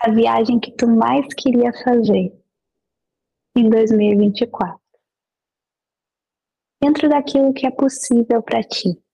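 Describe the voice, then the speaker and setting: A woman guides a meditation in a mellow, breathy voice set a little high. A gravelly fry runs under her gentle, unhurried instructions, which come with long pauses between them. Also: fairly even intonation, poor audio.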